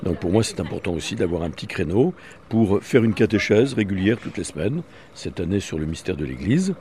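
A bishop speaks in a radio interview with a very low, dark, mellow voice. He explains in a measured way, pausing on fillers as he builds his points. A faint noise sits beneath him. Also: big pitch swings.

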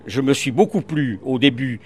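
Older man, regional accent, halting. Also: medium pitch, slightly rough. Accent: regional French accent. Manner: hesitant with many fillers, then emphatic and earnest. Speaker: monthly radio columnist. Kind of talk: radio interview.

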